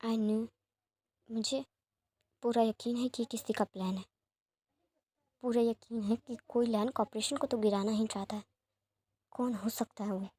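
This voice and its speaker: A woman voicing a calm, protective young man who speaks in a measured, soothing way. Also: a little high, breathy edge. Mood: troubled.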